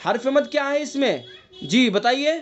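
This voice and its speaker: A man teaching Quran recitation in an online tajweed lesson, patiently repeating rules, quizzing his students and drawing out recited examples slowly. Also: very high-pitched, animated, soft background music. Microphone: video call. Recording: muffled lo-fi online class audio.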